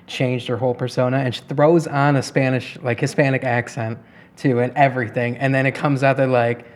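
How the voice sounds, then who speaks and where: A man's voice: mid-range voice, level tone, brisk. A man co-hosting a casual gaming podcast, chatting and rambling through stories with easy laughs. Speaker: podcast co-host. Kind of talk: casual chat.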